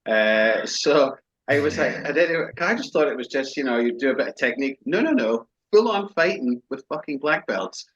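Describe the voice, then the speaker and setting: A man's voice: mid-range voice, animated, moderate pace, a bit bright, slightly rough. A man, co-hosting a podcast and telling a story in sweary, casual banter. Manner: sweary storytelling, acts out quotes. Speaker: podcast co-host. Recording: dull lo-fi podcast mic.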